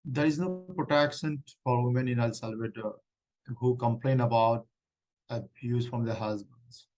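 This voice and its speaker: A man playing a middle-aged woman refugee claimant in a mock hearing role-play, answering haltingly with many restarts. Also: medium pitch, steady tone, a little mellow, lightly acted, rough recording. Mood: earnest.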